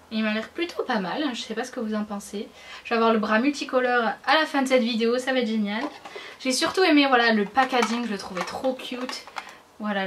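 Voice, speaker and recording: A chatty woman beauty vlogger from France, talking through her haul in a slightly high voice. Her speech is casual and enthusiastic, full of fillers and restarts. There is a faint hiss of noise behind her. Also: fairly bright tone. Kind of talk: casual haul video chat.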